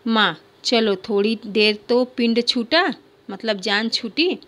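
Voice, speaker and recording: Woman teacher, slightly high voice, reads a class play aloud, stops to explain idioms and punctuation to pupils. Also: takes it slowly, a bit bright. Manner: explains idioms and punctuation between read lines; lifts her voice for the characters' lines.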